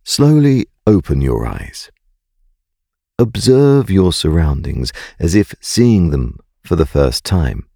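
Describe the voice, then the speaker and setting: Very deep, slow male meditation guide. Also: creaky, dry recording, studio quality. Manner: calm, gentle, unhurried delivery.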